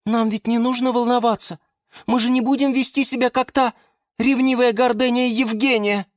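A man voicing an anxious, fretful male basil plant, flustered and fast, in a children's storybook. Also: very high-pitched, flat delivery, no room sound, studio quality, voice pushed up.

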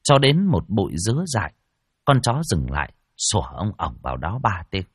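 Male storyteller; low, animated delivery. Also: moderate pace, breathy edge, no room sound, studio quality. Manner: vivid, expressive storytelling. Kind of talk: ghost story narration.

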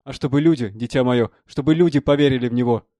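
A man's voice: medium pitch, fast talker, mellow, no room sound, close to an everyday voice. A man doing a sly old prisoner. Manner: mild, teasing and ironic.

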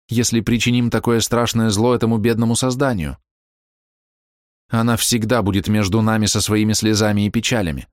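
A man's voice: mid-range voice, no room sound, clean studio sound, voice pushed up, lightly acted. A man reading aloud and voicing an anguished young woman torn by forbidden love, in a raised, pleading voice. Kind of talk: audiobook character reading.

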